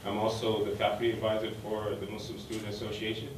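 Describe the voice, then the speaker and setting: A man moderates a university panel in a lecture room, giving hesitant opening remarks packed with ums and uhs. His voice is on the low side, monotone and quick. The recording is noisy, captured by a distant mic in an echoey hall.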